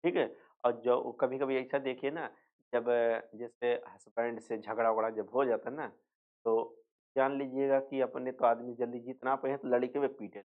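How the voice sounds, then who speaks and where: A man's voice: mid-range voice, steady tone, normal speed. A male teacher giving an exam revision lecture, repeating points, asking and answering his own questions, and slipping into rural dialect for jokes. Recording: tinny phone-like sound.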